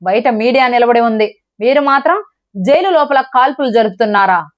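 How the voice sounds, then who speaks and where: Commanding police chief, stern and loud, read by a woman, higher-pitched, muffled lo-fi audio. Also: animated, moderate pace, lightly acted. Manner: shouting, stern. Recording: dull lo-fi recording.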